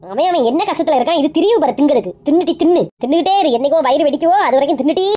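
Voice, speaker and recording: A woman's voice: high-pitched, lively intonation, racing, warm tone, slight background noise. A woman playing a fiery, scolding mother in a comedy skit. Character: fiery angry mother, wronged wife.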